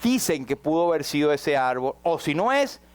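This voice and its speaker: Man, pastor, sermon, high voice, rises and falls dramatically, asks the congregation questions. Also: very animated, moderate pace, clean tone. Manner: dramatic swings between raised and hushed passages; addresses the congregation directly with questions.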